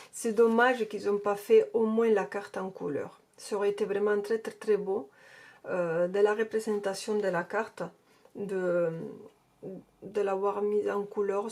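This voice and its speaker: A woman's voice: medium pitch, darkish tone. A woman casually reviewing an oracle card deck and reading out card texts, hesitating often. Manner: hesitant, with many fillers and restarts; reads card text aloud.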